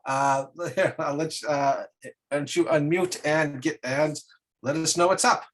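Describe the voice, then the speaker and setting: A man chairs a meeting over a video call and hands over to the guest speaker. His voice sits fairly high for a man. He talks casually and hesitantly, with frequent "uh"s. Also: fairly even intonation, slow pace, a bit bright. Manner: hesitant, many "uh"s.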